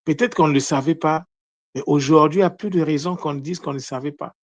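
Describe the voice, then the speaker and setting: A man's voice: a little high, a little fast, no room sound. A man giving an unprepared spiritual teaching talk, earnest, often repeating words and restarting his phrases.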